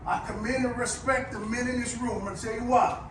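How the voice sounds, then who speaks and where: A man's voice: very high voice, steady tone, fast. A man, a coach, delivering an impassioned pregame pep speech to a football team, emphatic and repetitive like a preacher, recorded in an echoey room. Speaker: former high school football coach giving a guest pep talk. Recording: roomy, noisy, distant microphone.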